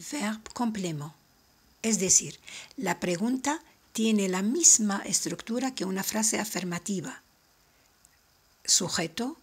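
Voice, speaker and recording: A woman teaching a language lesson at an unhurried, careful pace. Her voice is soft and a little breathy, and she repeats every point in two languages so learners can follow along. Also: mid-range voice. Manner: slow, deliberate explanations, repeating each point in two languages. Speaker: French teacher.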